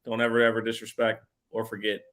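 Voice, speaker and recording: A man's voice: fairly low pitch, fast talker. Man ranting about sports, swearing freely. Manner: animated ranting, heavy swearing. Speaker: podcast co-host. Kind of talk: casual sports chat.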